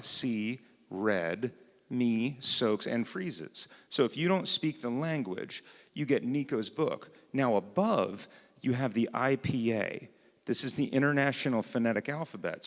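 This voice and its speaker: A man's voice: medium pitch, a bit bright. A man, a cantor, giving an informal lecture on opera in a conversational way with many fillers, in a synagogue hall. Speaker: cantor teaching an opera class.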